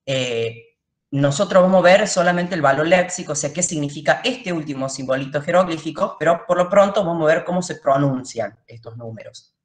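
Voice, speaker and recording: A woman's voice: low voice, brisk, roomy sound. A woman teacher giving a classroom lecture, explaining step by step and checking in with her students.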